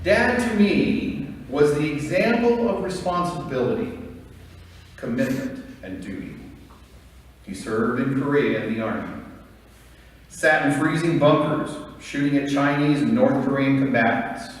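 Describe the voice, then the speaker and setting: A middle-aged American man delivers a prepared eulogy as a son, in a solemn, measured storytelling manner. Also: medium pitch. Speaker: son giving a eulogy for his father. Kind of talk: prepared memorial speech. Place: large reverberant room. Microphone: distant microphone. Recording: echoey hall, distant mic, faint noise.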